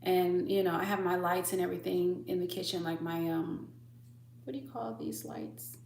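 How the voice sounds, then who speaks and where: A woman's voice: on the low side, normal speed, vocal fry. A woman hosting a livestream, chatting casually and telling stories animatedly, acting out voices as she goes. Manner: animated storyteller who acts out voices. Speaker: livestream host. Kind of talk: casual chat. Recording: echoey room with faint hum.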